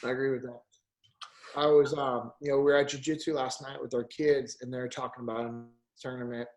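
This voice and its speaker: A man's voice: medium pitch, level tone, brisk, a little mellow, poor audio. A man in his thirties telling a story about his family on a podcast, acting out bits of the conversations. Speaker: podcast guest. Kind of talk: casual conversation.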